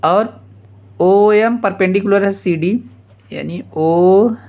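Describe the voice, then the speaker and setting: Slowly and in a high, slightly mellow voice, a male math teacher walks through a geometry proof at the blackboard. He goes one step at a time, casually repeating each one and addressing listeners as "yaar."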